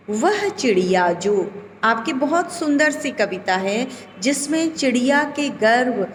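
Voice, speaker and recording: A woman teacher talks to schoolchildren at a very slow, patient pace, stretching out sounds and stopping to quiz the class. Her voice rings with a long reverb, and a faint background hiss sits beneath it. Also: fairly high pitch. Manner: slow, deliberate, drawing out vowels and asking questions to the children. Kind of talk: recorded online class lesson. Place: home.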